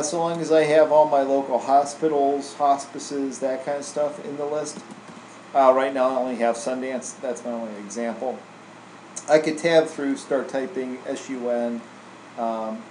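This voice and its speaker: In a screen-recording voice-over made in an indoor room, a man talks through software casually and informally, like a trainer showing someone the steps, often tacking "right?" onto his statements. His voice is mid-range. The audio has a roomy echo and a faint air-conditioning hum.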